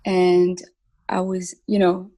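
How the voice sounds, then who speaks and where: A young woman from Switzerland, a singer, answering interview questions casually with many pauses and little laughs. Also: fairly low pitch, completely flat delivery, mellow, poor audio. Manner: hesitant, many ums, laughs between thoughts. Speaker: singer, podcast guest.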